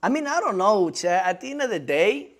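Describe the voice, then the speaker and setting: A man in his twenties streams his reaction to a podcast clip, rambling in casual slang and repeatedly asking chat "you feel me." His high voice is very animated and a little fast.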